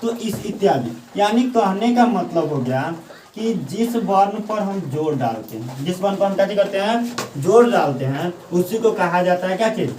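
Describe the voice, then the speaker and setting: A male Hindi grammar teacher gives a class lecture, often asking questions and answering them himself, and slowly repeating points for dictation. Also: high voice, expressive, darkish tone, slight background noise. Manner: slow, drawn-out dictation at times. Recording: echoey room, voice from the mic's far side.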